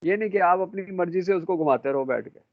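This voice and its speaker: Talking fast in a high-pitched voice, a middle-aged marine engineering teacher lectures and quizzes his class, addressing students as beta and bhai. The classroom recording is dry and tinny like a phone, with no room sound.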